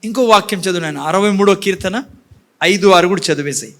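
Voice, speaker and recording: A man with a high voice gives a lively sermon in a church. He keeps asking the congregation questions and drops words into his preaching. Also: fairly quick. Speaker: pastor.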